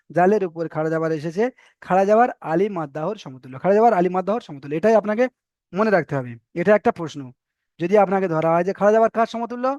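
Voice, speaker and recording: Male Quran tutor, high voice, patient syllable drills, dry close recording. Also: darkish tone, no echo. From Bengal. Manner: patient, repeats syllables slowly and drills them. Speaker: Quran reading teacher. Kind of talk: recorded online lesson, spelling out Arabic letters.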